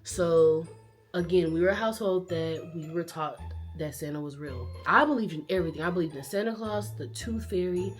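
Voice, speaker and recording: A woman vlogger casually telling a childhood story to camera, animated and acting out family members' lines. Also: fairly low pitch, moderate pace, faint music behind.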